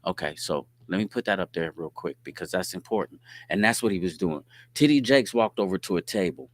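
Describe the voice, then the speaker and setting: A man's voice: sits low, fairly quick. A middle-aged man from Indianapolis hosting a podcast, telling stories in a laid-back, streetwise way and often checking in with his listeners. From Indianapolis, USA. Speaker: podcast host. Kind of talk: casual storytelling talk.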